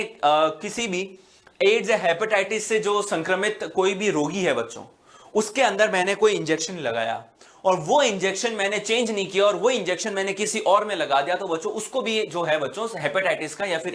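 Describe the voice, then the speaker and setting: High and fairly bright, the teacher's voice is animated as he leads a biology exam-prep lecture, checking often that his students follow. He speaks to them patiently and explains slowly. He leans on "बच्चों" and "है ना" repeatedly, fills gaps with "अ", and restarts words.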